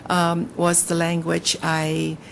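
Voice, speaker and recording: A lowish, creaky woman's voice with a slight hiss or hum belongs to a novelist from Hong Kong whose first language is Cantonese. As a guest she reads lively from her book, then answers interview questions in a measured yet hesitant manner, using fillers.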